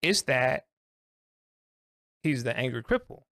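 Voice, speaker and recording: A man co-hosting a podcast discussion, talking earnestly and reflectively in deliberate, emphatic phrases. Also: medium pitch, big pitch swings, sharp tone, dry recording, clean studio sound. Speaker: co-host.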